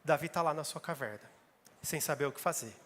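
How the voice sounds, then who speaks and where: Pastor, male, fairly high voice, emphatic repeating sermon, reverberant church hall. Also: brisk, a bit bright. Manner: emphatic, repeats phrases for stress.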